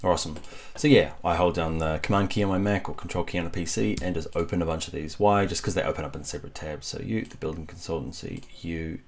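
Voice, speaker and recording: Talking quickly but softly, a Kiwi web developer with a very low, deep voice rambles through a casual screen-recorded tutorial with many fillers. He uses his computer mic at home at night as his family sleeps.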